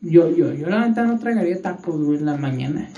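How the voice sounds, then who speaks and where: A man's voice: fairly high pitch, animated, fast talker, mellow, far from the mic, lo-fi sound. A young man with a Mexican accent in casual banter, swearing freely and stumbling over repeated words. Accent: Mexican Spanish. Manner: crude slang, stammering restarts, mock accents. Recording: roomy sound from off mic.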